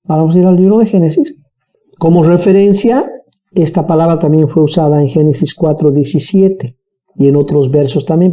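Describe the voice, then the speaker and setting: A Bible teacher with a Bolivian highland accent, giving an animated Bible study lesson and checking in with listeners often. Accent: Bolivian highland (colla).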